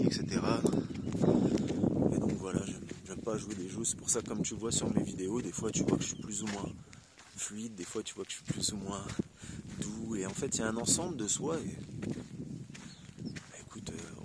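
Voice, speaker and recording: A man's voice: on the low side, heavy background noise. A man from France talking casually to camera in a loose, rambling way, full of fillers. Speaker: vlogger. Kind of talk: casual spiritual monologue to camera.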